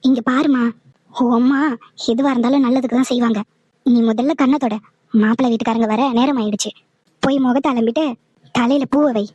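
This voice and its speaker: A woman's voice: a little high, steady tone, a little fast, long pauses, a little mellow, slightly rough, dry recording, voice pushed down. A woman voicing a stern, bossy older woman caretaker in a cartoon, scolding and giving orders. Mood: coaxing. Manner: scolding, commanding. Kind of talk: cartoon voice acting.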